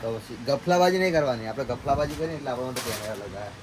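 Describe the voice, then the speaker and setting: Male shopkeeper, chatty vlog host, mid-pitch, noisy street behind. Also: very fast. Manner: chatty, keeps addressing viewers as guys. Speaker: shopkeeper vlogger. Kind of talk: casual vlog commentary. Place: small shop and storeroom.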